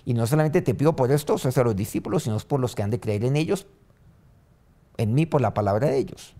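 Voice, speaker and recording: Man, pastor, sermon then prayer, warm dark tone, swings between loud and hushed lines. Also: medium pitch, expressive, fast. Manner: preaching with sudden rises and soft drops.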